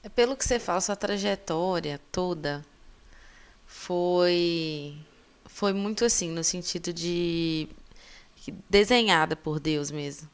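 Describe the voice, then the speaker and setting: A woman interviewing a guest on a podcast in a relaxed, chatty way. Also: lowish voice, slow, clean tone. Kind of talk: casual podcast chat.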